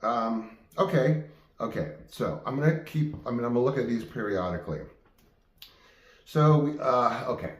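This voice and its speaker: A medium-pitched man hosting his own game show tells casual, improvised stories to viewers, his intonation lively and his speed normal. He rambles, breaking off and restarting often, in a roomy-sounding space.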